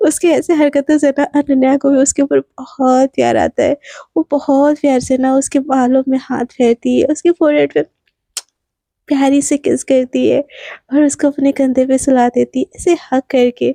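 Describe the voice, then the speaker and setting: A woman's voice: high voice, level tone, normal speed, creaky, mellow, no room sound. A young woman telling a love story in a casual, chatty way, with many fillers. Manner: chatty, filler-heavy retelling.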